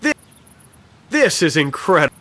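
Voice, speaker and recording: A man's voice: high voice, big pitch swings, moderate pace, sharp tone, heavily acted. A man voicing a wry young male detective in a game, full of dry, sarcastic asides. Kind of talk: game voice acting.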